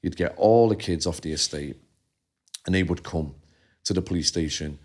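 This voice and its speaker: This podcast co-host is a man with a low-pitched, slightly mellow voice who talks at a moderate pace. He chats casually and spins laid-back tales about his earlier life, sometimes imitating the voices of people in them.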